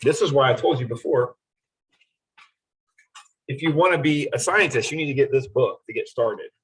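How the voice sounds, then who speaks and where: A man's voice: mid-range voice, moderate pace, husky, poor audio. A middle-aged man lecturing a university class in an earnest, repetitive way. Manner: earnest, repetitive, acts out students in quotes.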